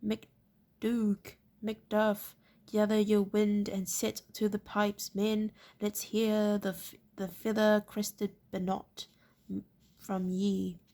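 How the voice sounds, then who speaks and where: Brief: a woman doing a grave northern army captain in a read-aloud storybook, raised husky voice. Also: lowish voice, level tone, unhurried. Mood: shouting. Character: serious northern infantry captain, man.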